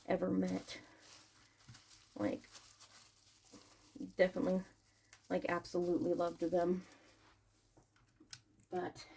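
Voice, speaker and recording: Packing orders for her small online shop, a woman vlogger rambles informally as she works, musing aloud and wandering into asides. Her voice is medium-pitched, gravelly and slightly rough, with a dark tone.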